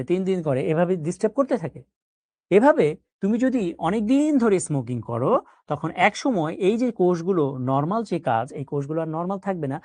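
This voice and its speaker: A man's voice: on the high side, darkish tone, no room sound. A man teaching a biology lesson, explaining with everyday examples and stopping often to check that students follow.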